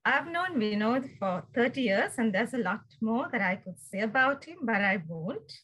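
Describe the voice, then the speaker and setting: A woman's voice: on the high side, expressive, normal speed, a bit bright, slightly rough, low-quality recording. A woman interviewer reading a prepared introduction of a guest for a podcast.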